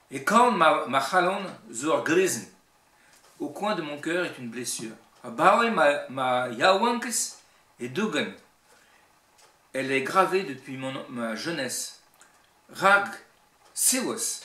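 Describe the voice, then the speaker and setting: A man giving casual spoken commentary on books, in a halting way with many restarts. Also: mid-range voice, gravelly, bright, forceful tone, recorded from a distance, a little hiss or hum. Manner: halting, with many restarts and a frequent tag word. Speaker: book commentator. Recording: roomy sound from off the mic.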